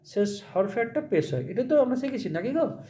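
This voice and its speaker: A man with a notably high voice gives a recorded Arabic lesson. He speaks Bengali as his first language. He explains patiently and says each example sentence slowly, more than once. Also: big pitch swings, warm tone. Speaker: Arabic teacher.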